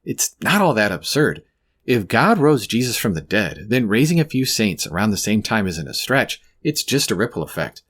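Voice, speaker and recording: A man's voice: lowish voice, sing-song, moderate pace, a bit bright. A man delivering scripted, conversational video commentary as a host, with wry, sarcastic asides.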